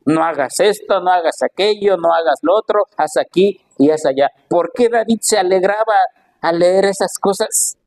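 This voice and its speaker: A male pastor preaching a sermon with emphatic delivery, slowing down to stress scripture and asking the congregation rhetorical questions. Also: on the high side, darkish tone, poor audio.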